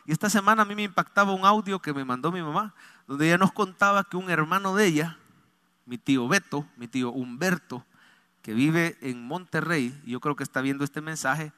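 A pastor preaching a sermon to a church, swinging between loud exhortation and soft asides. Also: male voice, fairly high pitch, a little fast, clean tone.

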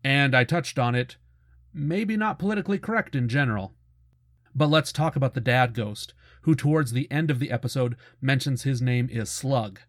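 A man's voice: mid-range voice, moderate pace, few pauses, no room sound, clean studio sound. A middle-aged man hosting a show with casual, informative commentary and a fan's conversational enthusiasm. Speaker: host of a cartoon retrospective show. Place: close, dry voice-over recording.

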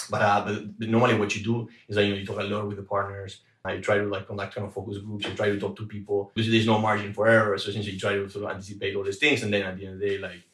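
A man from Argentina, a researcher answering interview questions, talking quickly with many fillers and restarts. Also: fairly low pitch, fairly bright tone, echoey room, recorded from a distance, rough recording. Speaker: researcher guest.

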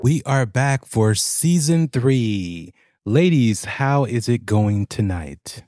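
A man's voice: mid-range voice, animated, slow pace, mellow, dry recording. A man hosting a podcast in a casual, chatty style. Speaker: podcast host. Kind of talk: casual chat.

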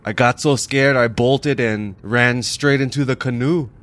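A man voicing an excitable young local man with a Hawaiian Pidgin accent in an audio story, with slangy, pidgin-tinged delivery. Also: medium pitch, a little slow, lightly acted. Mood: spooked.

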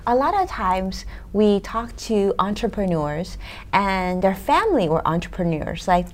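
A woman's voice: medium pitch, very animated, a little slow, a little hiss or hum. Enthusiastic woman podcast host. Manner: enthusiastic, eager questions. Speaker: show host. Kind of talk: interview hosting.

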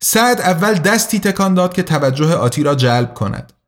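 A man narrating a story in an even, measured way. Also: a little high. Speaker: audiobook narrator. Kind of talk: scripted narration.

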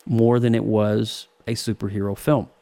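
A man co-hosting a casual movie podcast, rambling with many restarts and quick laughs. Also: lowish voice, little pitch movement, gravelly, warm tone. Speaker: podcast co-host, film reviewer. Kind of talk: casual chat.

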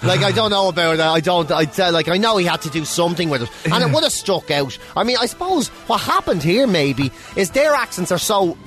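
A man's voice: high-pitched, expressive, brisk, hardly any pauses, fairly bright tone, soft background music. A man with a west of Ireland accent from Mayo, bantering casually as a radio co-host, opinionated and mock-indignant. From County Mayo, Ireland.

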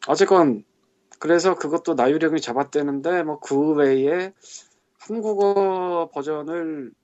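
Measured in pace, a little high, and darkish in tone, a man co-hosting a casual podcast vents with exasperated grumbling and curses under his breath. He's a game translator, and the audio is lo-fi.

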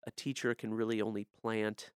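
A man co-hosting a casual conversation, talking in a reflective, measured way and thinking aloud. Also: on the low side, level tone, smooth, no room sound, clean studio sound.

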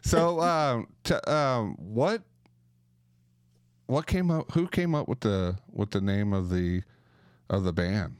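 Joking low-voiced male podcast host. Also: lively intonation, slow pace, long pauses, clean tone, no room sound, clean studio sound. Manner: joking, playful, with mock voices. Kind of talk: lively casual chat.

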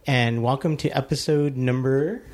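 Casual, rambling male podcast host, mid-pitched. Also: normal speed, a little mellow, slight background noise. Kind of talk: casual chat.

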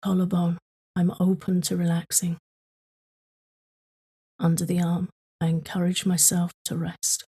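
A woman leading a guided tapping meditation for sleep, speaking in slow, soothing, repetitive prompts. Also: fairly low pitch, monotone, mellow, breathy edge.

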